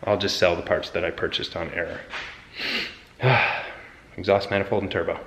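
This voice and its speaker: This casual garage build vlog features its host, a deep, low-voiced man, excitedly chatting to the camera at normal speed as he works on a project car. The reverberant sound has background noise, and his voice moves closer to and away from the camera mic as he shifts around.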